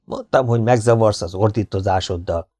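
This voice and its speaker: A fat, rude scorpion charmer who scolds and brags in an unhurried, low voice, as a male audiobook reader puts him on. He sounds sly and self-satisfied. The recording is close and dry. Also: warm tone, dry recording, natural voice. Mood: gruff. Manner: blunt, scolding, slow and cocky. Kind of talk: audiobook character voice.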